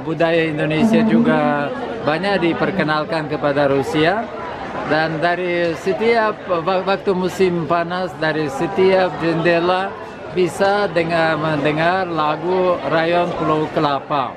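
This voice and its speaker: An older man with a Russian accent speaks Indonesian as a foreigner in an informal interview. His voice sits a little high and moves haltingly, with many pauses. A loud crowd and heavy noise surround him outdoors. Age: older, around 70. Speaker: interviewee, Indonesian language lecturer. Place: under an open tent at an outdoor festival. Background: loud crowd chatter.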